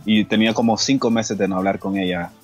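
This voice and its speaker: A man's voice: lowish voice, fairly even intonation, fast talker, breathy edge, dull audio, soft background music. A man with a Honduran accent, a guest singer and pastor, tells a personal story in an interview, acting out the dialogue and often repeating words. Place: radio studio.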